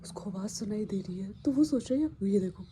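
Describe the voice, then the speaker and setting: A woman's voice: mid-range voice, expressive, a little fast, dark tone, slight background noise. A woman narrating her dogs' antics in a casual home vlog, chatty and exasperated, now and then calling out to them. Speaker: dog owner narrating her pets' antics.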